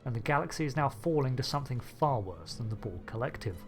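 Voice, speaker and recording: A man's voice: medium pitch, animated, fast talker. A man narrating a video game story playthrough in a conversational way, with wry asides. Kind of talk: narrated playthrough with light commentary. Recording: voice over background game music.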